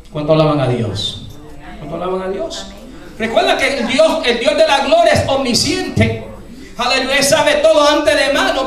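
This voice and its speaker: Preaching fervently from a lectern, this older pastor shouts frequently, fills his speech with hallelujahs, and gestures broadly, his voice very high-pitched. The handheld-mic sermon was filmed by a distant camera, and the medium-sized church sanctuary makes it sound very echoey.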